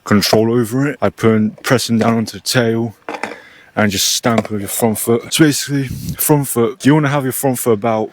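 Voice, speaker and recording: Casual male tutorial host, mid-pitched, informal delivery, cheap mic sound with some background noise. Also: fairly even intonation, normal speed. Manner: informal, mildly sweary. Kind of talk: casual step-by-step beginner tutorial. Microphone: cheap low-quality microphone. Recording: cheap low-quality mic, noisy, clicks.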